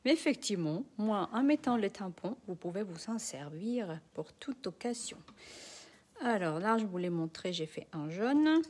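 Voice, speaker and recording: A woman's voice: mid-range voice, animated, moderate pace, darkish tone, slightly rough. A woman with a non-native French accent hosting a live craft tutorial, chatting with her viewers as she shows each step. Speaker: craft demonstrator.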